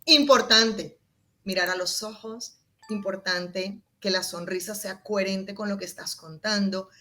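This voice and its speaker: A woman's voice: medium pitch, measured pace. A woman explaining her public speaking method as an interview guest, shifting her tone and volume to demonstrate. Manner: expressive, varies volume and tone to demonstrate.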